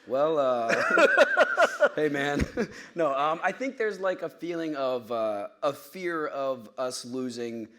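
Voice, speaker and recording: A man's voice: a little high, sing-song, slow pace, bright, forceful tone. A man in his thirties, a guest on a live podcast, talking in a hesitant, rambling way and laughing self-consciously. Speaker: actor guest. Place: theater stage before a live audience.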